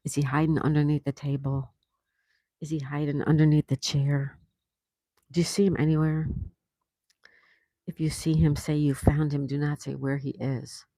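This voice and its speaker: An older woman from South Florida, USA, hosts a casual livestream, reading viewer comments aloud, chatting, and laughing often. Her voice sits low with a level, dark tone at a moderate pace with long pauses, and there's no echo.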